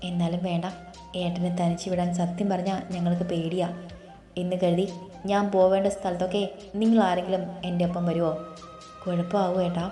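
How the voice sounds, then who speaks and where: A woman's voice: on the low side, level tone, a little fast, dark tone, close to an everyday voice. A woman voicing an anxious, tearful young woman expecting a baby, pleading and sobbing in a storybook reading with faint music in an echoey room. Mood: worried. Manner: pleading, sobbing as she speaks.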